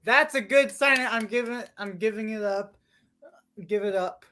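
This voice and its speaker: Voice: mid-range voice, unhurried, pushed and bright, a little hiss or hum. A co-host in casual sports chat, talking hesitantly with many restarts and fillers.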